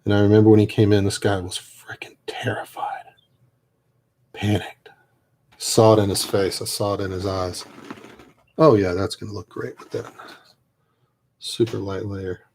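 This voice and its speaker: A man's voice: fairly low pitch, little pitch movement, moderate pace, long pauses. A man chatting casually and reflectively as he paints miniatures, rambling and trailing off at times. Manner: rambling, soft-spoken, trails off. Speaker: miniature painter and army veteran.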